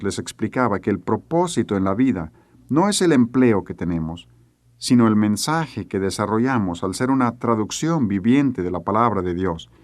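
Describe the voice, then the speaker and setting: A man's voice: mid-range voice, darkish tone, no echo. A middle-aged man teaching a sermon, telling a family story earnestly and acting out the voices he quotes. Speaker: preacher.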